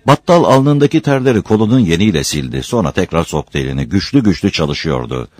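A male storyteller reads an old village tale aloud with a deep voice that rises and falls freely. The reading is unhurried and expressive, and it is recorded close and dry, with no room sound. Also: dry recording. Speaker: narrator.

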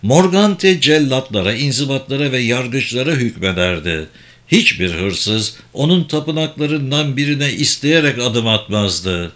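A man narrating a fantasy audiobook in a measured, even storytelling delivery. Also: mid-range voice.

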